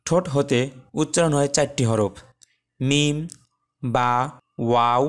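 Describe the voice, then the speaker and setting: A man with a Bangladeshi Bengali accent, teaching a Quran recitation lesson. He explains at an even, unhurried pace and stretches out each Arabic letter as he says it. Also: mid-range voice. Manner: slow, drawn-out letter pronunciations between plain explanation.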